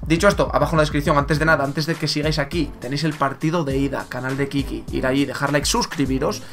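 A man's voice: fairly high pitch, steady tone, fast talker, over music. A man with a Spanish accent joking and hyping up viewers while commentating a football video game with a friend. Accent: Spain Spanish. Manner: hyped, joking, addresses viewers. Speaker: gaming YouTuber. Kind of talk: casual gaming commentary with a friend.

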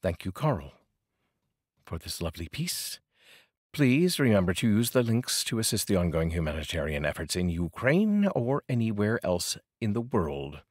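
Very low and husky, a middle-aged channel host's voice sweeps lively in pitch as he reads poetry with deliberate, dramatic expression. He's close on a boom-arm studio microphone with a pop filter inside a small curtained home studio. The recording is dry, without any room sound.

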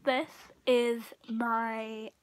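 A Portuguese girl of about 15 vlogs casually to camera from a small room at home, chatting and showing things off in a halting way, full of "like" and trailing off. Her voice is fairly high with a level tone, picked up by the device's built-in mic at arm's length or a bit further.

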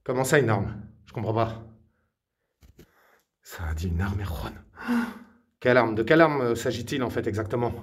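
A man from Morocco narrating a night exploration of an abandoned house, speaking in hushed tones, often whispering and murmuring Arabic invocations. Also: fairly low pitch, moderate pace, pauses often. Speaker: paranormal explorer.

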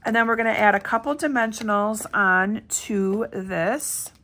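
A woman's voice: mid-range voice, a little slow, pushed and bright. A middle-aged woman demonstrating card making in a casual, chatty tutorial, her voice still scratchy with a lingering cough. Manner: chatty and upbeat, addressing viewers directly.

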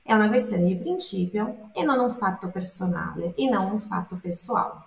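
A woman's voice: medium pitch, fairly quick, creaky, distant mic. Brazilian woman teaching in an echoey room. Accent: Brazilian Portuguese. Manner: explanatory, repeats words for pronunciation. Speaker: Italian language teacher. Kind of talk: song lyric lesson.

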